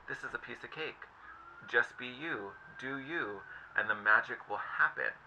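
A man's voice: mid-range voice, measured pace. A man giving a casual, enthusiastic tarot reading, chatty and effusive, with lots of fillers. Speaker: tarot reader. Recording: slightly dull lo-fi audio with faint noise.

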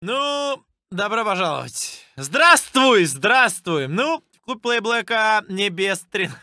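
Bright, high-pitched man reacting on stream. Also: expressive, no echo. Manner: halting, profanity-laced, teasing. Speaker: streamer reacting to rap battles. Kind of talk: casual livestream commentary. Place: indoor room at a streaming desk.

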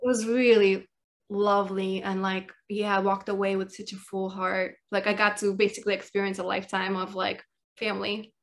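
A woman's voice: mid-range voice, little pitch movement, normal speed. A woman in her late thirties from Russia speaks from her living room over a laptop webcam. She rambles loosely as a guest healer and keeps padding her sentences with fillers. Her tone is casual and conversational. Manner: rambling, full of fillers like "like" and "you know". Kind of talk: casual video-call interview. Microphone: laptop webcam on video call.

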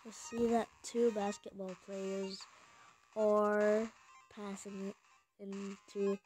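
A woman giving casual gameplay commentary as a gaming YouTuber, excitable and talking back at the game with bursts of yelling. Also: mid-range voice, slow, a little hiss or hum, poor audio.

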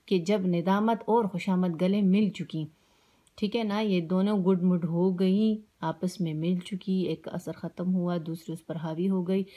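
A woman's voice: on the low side, dark tone. A woman teacher with a Pakistani Urdu accent, reading a story aloud and stopping to explain words with simple synonyms, often checking in with her students. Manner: reads a line, then glosses words with simple synonyms; keeps asking "ٹھیک ہے نا".

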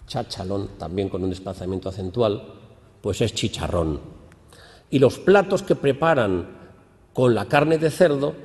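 A man giving an academic lecture, explaining patiently and lifting his voice when he acts out questions. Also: low voice. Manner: explanatory, lively emphasis on questions. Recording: long hall reverb.

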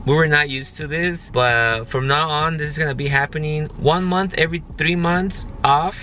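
Easygoing dad vlogging over noise. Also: male voice, a little high, moderate pace, sharp tone. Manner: easygoing, rambling with fillers. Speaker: father and vlog host. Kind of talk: casual family vlog chat.

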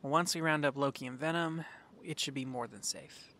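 A man's voice: mid-range voice, moderate pace, bright, forceful tone. A man playing an earnest young superhero and devoted boyfriend in an ASMR roleplay, hesitant and affectionate. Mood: nervous, affectionate.

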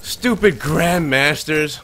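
A man's voice: a little high, takes it slowly, sharp tone, slight background noise. A man giving casual commentary on his own game matches, salty and grumbling, with plenty of swearing. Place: indoor room, webcam view. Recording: game music behind.

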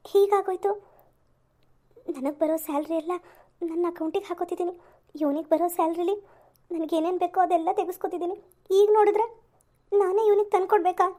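A woman's voice: very high voice, dark tone, voice pushed down. A woman voicing a scheming young woman who sweet-talks a married colleague in a cartoon. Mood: scornful. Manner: sweet-talking, wheedling, then cold and selfish.

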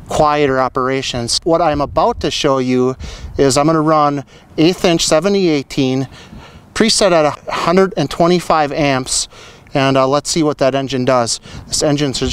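A man's voice: a little high, fairly even intonation, normal speed, clear, resonant tone, low-quality recording. A middle-aged man, a product manager, explaining a demonstration step by step in an upbeat way, recorded outdoors on a paved lot with a clip-on mic. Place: outdoor paved lot beside open fields. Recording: outdoor recording with loud engine noise. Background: running generator engine.

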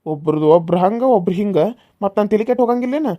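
A woman's voice: medium pitch, lively intonation, very fast, dry recording, dull audio, lightly acted. A woman voicing a self-pitying village husband who drinks in a cartoon serial, whining in a North Karnataka accent. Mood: grumbling. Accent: North Karnataka Kannada.

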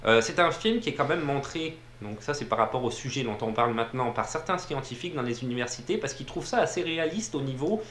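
A man's voice: mid-range voice, animated, quick pace, few pauses, fairly bright tone. A man casually reviewing films, rambling with many fillers and repeated words. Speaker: film reviewer. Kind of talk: casual film review talk. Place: room with a TV playing behind him. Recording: roomy echo, faint ambient noise.

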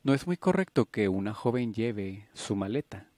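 A man's voice: on the low side, expressive, moderate pace, mellow, dry recording. Man voicing a wry, brooding young actor. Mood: warm. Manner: dry, wry, guarded. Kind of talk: audiobook character voicing.

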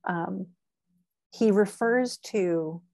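A woman's voice: mid-range voice, drawn-out words, creaky, darkish tone, no echo. A woman chatting as a guest on a podcast, talkative and giggly, with lots of ums and likes. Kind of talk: casual conversational interview.

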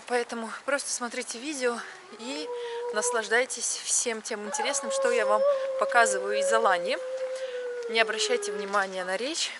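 A woman in her thirties narrates a walking vlog on a city street at night, holding an action camera at arm's length. Her voice is fairly high and chatty, with drawn-out vowels and stress on final syllables, and street noise surrounds her.

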